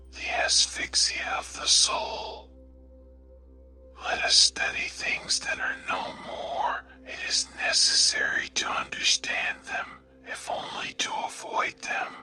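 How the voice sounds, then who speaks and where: A man reading short sayings in a hushed, breathy ASMR whisper, deliberate and measured. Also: rumbling low. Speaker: narrator reading quotations.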